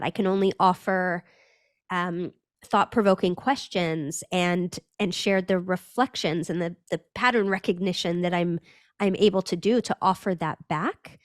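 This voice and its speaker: A brand strategist from Northern California speaks as a guest on a podcast, a woman whose medium-pitched voice sounds thoughtful and searching, with frequent restarts. It's a reflective conversational interview, recorded in studio quality with no echo.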